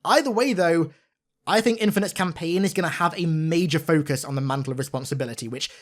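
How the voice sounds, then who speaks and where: A young man with a slightly high voice talks at a quick pace, breaking down a video game in an informal, enthusiastic way. As a video game content creator, he's emphatic and gushing throughout.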